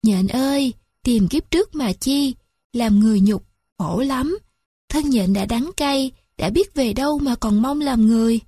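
A gentle mason wasp murmurs soft comfort to a friend, played by a woman. The voice is husky and fairly high-pitched, with a dry, close sound. It fits a sad storybook fable. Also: unhurried, no echo. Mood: consoling.

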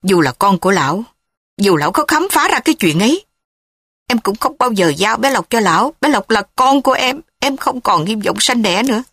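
Brief: a woman doing a young wife in a storybook reading, high, shrill, upset, dry close sound. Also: lively intonation, moderate pace, pauses often, fairly bright tone, no room sound. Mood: pleading. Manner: raised, shrill pleading. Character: young wife, angry and distraught.

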